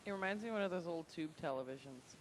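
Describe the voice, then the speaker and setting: A co-host of a casual call-in show, dropping wry, deadpan quips. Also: medium pitch, very fast, a little hiss or hum.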